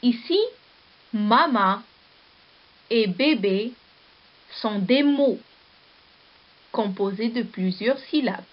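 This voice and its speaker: Very slow-spoken woman teacher. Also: on the high side. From Morocco. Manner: deliberate, spells out letters and syllables one by one. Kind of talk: slow classroom lesson. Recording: dull lo-fi video recording.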